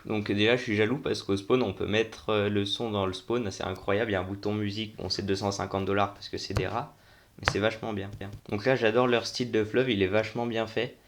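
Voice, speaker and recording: A young man with a very flat, monotone delivery and plenty of vocal fry. He talks through a game tour off the cuff, in slangy everyday speech, thinking aloud as he goes. His voice sits on the low side. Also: brisk. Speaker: gaming video host. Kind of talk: casual unscripted game tour commentary.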